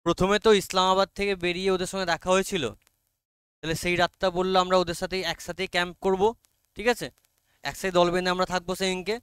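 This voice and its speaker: This man's voice sits high, with a flat delivery and a fairly bright, smooth tone, recorded with no room sound. Speaking with a Bengali accent, he teaches an online class, walking through an English text line by line. He reads the English lines very slowly and coaxes his students, repeatedly checking that they understand.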